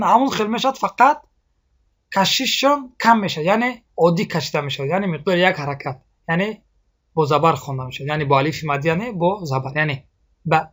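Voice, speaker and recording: A man with a Tajik accent teaching Quran recitation, drilling example syllables slowly and often asking his students if they see. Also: sits high, fairly bright tone. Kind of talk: explaining a lesson on vowel sounds.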